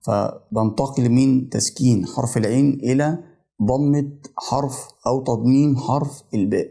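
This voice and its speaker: A man with an Egyptian Arabic accent teaching how to read the Quran, explaining patiently and repeating words slowly to show their pronunciation. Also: mid-range voice, steady tone, gravelly, mellow. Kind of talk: explanatory lesson with spoken pronunciation drills.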